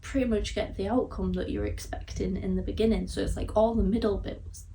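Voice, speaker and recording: This time the young Yorkshire reviewer talks fairly quickly, her medium-pitched voice dark in tone and fairly even, as she gives a casual, somewhat halting film review to camera. Faint background noise comes through the distant mic.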